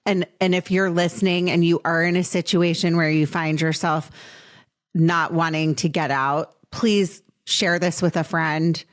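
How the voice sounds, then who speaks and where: A lowish, fairly even female voice belongs to a podcast host in her late twenties. Interviewing her guest, she comes across as sincere and fond, speaking slowly at emotional points.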